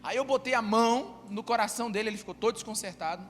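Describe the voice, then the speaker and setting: High-voiced preaching man. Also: fast talker. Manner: animated storytelling, swinging from loud to hushed. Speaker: pastor. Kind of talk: sermon. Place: church hall. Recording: long hall reverb with music behind.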